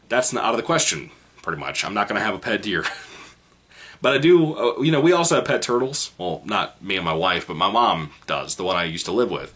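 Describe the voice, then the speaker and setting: A young man in his twenties talks casually to his viewers, answering their comments. He rambles, corrects himself and laughs often. His voice is lowish, bright and a touch husky. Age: 20s. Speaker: channel host answering comments. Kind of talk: casual chat.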